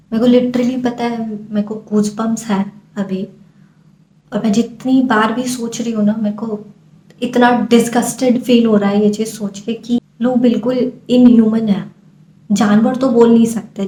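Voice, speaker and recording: A woman's voice: fairly high pitch, mellow. Impassioned young Indian woman, echoey room. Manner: earnest, emotional, pleading. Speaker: vlogger. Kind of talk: impassioned talk to camera.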